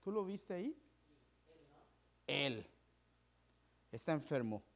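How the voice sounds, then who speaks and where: Fervent preaching pastor, voice swings wide. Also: male voice, on the high side, big pitch swings, slow pace, creaky. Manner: storytelling, swings from hushed whispers to raised fervent preaching. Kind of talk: sermon.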